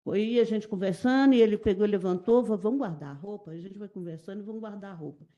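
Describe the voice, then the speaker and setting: Halting Brazilian woman giving courtroom testimony. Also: mid-range voice, dark tone. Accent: Brazilian Portuguese. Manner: halting, repetitive, emotional recounting. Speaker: witness testifying in a jury trial.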